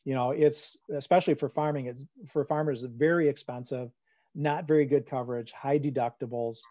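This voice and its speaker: A man's voice: medium pitch, steady tone, moderate pace, warm tone, no echo. A man answering audience questions about farm finances in a webinar, talking conversationally with many fillers and restarts over a video call. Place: home room on a video call. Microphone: computer microphone on a video call. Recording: dull lo-fi video call audio.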